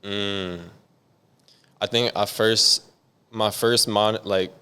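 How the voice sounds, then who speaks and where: A man's voice: fairly low pitch, very slow, clean tone. A young man from San Diego, a music producer talking casually in an interview, rambling with lots of "like". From San Diego, USA. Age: young adult. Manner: relaxed, rambling, heavy on "like".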